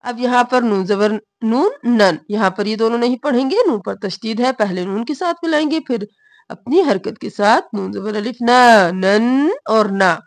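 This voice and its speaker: A woman teaching Quran recitation, chanting verses in long drawn-out tones and then explaining the pronunciation in quick spoken asides. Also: fairly high pitch, no echo.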